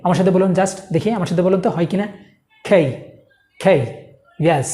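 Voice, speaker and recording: A woman teaching English pronunciation, saying each sound slowly and drilling it over and over for the viewer. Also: fairly low pitch, dark tone, roomy sound. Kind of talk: Bengali spoken English lesson.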